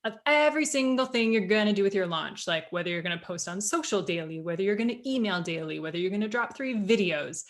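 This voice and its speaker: A woman co-hosting a business podcast in a casual, animated way, full of fillers and restarts. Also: medium pitch, fast talker, hardly any pauses. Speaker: podcast co-host.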